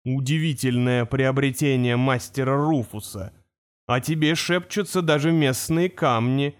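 Man voicing a slow granite fire creature. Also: medium pitch, clear, resonant tone, lightly acted. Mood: ominous. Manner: slow, solemn, ominous. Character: ancient male fire creature of granite, menacing.

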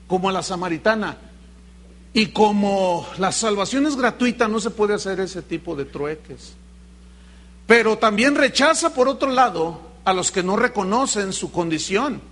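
A man delivers a sermon to his congregation, high in pitch. He preaches with animation and slips into voices as he acts out little dialogues between people. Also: a bit bright. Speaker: pastor.

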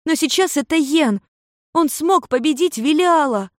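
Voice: high voice, animated, normal speed, dry recording, clean studio sound, pitched above the performer's own voice. A reader voicing an anxious young woman who keeps begging others to stop and listen. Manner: urgent, pleading.

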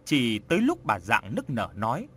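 Male audiobook narrator, husky, dramatic, lively pitch swings. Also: normal speed. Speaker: storyteller. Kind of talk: audiobook horror story narration.

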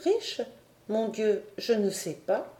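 A woman reading a storybook, voicing a naive, gentle young girl close to her own voice. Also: medium pitch, very animated, slow pace. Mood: innocent. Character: simple, candid young girl, painter's daughter. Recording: roomy echo.

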